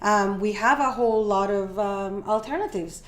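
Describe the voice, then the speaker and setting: An older Peruvian woman, guesting on a podcast as an organic food business owner, explains things conversationally in a mid-pitched voice at a moderate pace. She often checks in with "right?" and "you know" during the interview, recorded in an echoey room.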